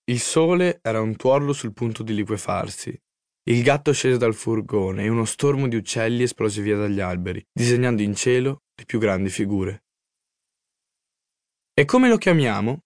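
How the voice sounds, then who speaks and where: A man's voice: lowish voice, moderate pace, no echo, clean studio sound. Italian man reading his own memoir. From Italy. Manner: lively, expressive storytelling. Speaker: author and audiobook narrator. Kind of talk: first-person audiobook narration.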